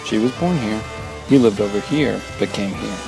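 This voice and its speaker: A man's voice: on the low side, normal speed, creaky. A man reading a short scripted intro narration with music behind him.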